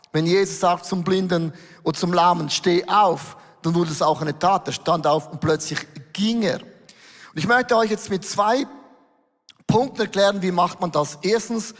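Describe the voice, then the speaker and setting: A man preaching as pastor, lively and conversational, putting questions to the congregation and reading scripture. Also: high-pitched. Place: church stage before a congregation. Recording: echoey hall reverb.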